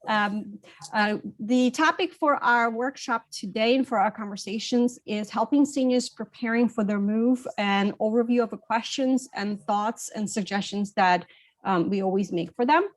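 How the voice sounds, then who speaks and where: A woman's voice: on the high side, moderate pace. A woman hosting an informal online workshop, introducing the session as a senior living specialist. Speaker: host, senior living specialist and real estate agent. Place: online video call with shared screen.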